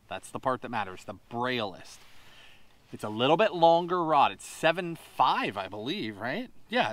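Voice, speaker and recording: A man in his thirties talks gear straight to the camera from a boat on a wide lake. He sounds practical and keen, and he moves quickly from one tip to the next as he handles each rod. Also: medium pitch, fairly bright tone. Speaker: fishing show host. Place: on a boat on an open lake outdoors.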